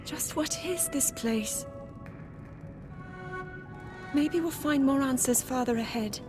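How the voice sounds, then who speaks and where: A woman playing a young princess scholar in a video game, gentle, earnest and curious, speaking softly and precisely. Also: high voice, takes it slowly. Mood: curious, composed. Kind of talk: video game cutscene voice acting. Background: music.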